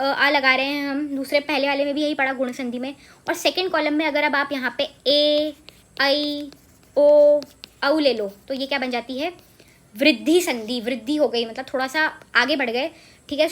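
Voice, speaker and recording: A woman's voice: high-pitched, fairly bright tone. A woman teaching an exam-prep grammar lesson, mixing English into her Hindi and checking in often with rhetorical questions.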